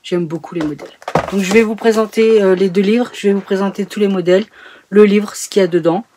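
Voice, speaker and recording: A woman's voice: mid-range voice, fairly even intonation, a little fast, noisy background. A woman reviewing two sewing books in a casual vlog, chatty and hesitant, with many fillers. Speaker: sewing YouTuber. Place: home sewing room.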